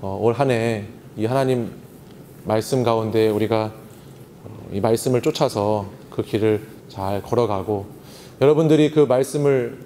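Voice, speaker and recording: A male pastor leads a seminar on Bible meditation at a church youth retreat. His tone is mellow and he teaches with questions to the room. The sound carries a long hall reverb over faint ambience. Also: lowish voice, moderate pace, slight background noise. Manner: teacherly, asks the audience questions and answers himself.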